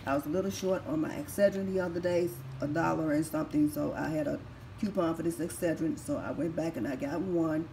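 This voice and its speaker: Recovering from surgery, a raspy-voiced woman in her 50s who vlogs about couponing walks slowly through her shopping haul, reading receipt prices in a methodical way. Her voice sits low, mellow and steady. A phone camera hovers over the items in an echoey room at home, with faint background noise.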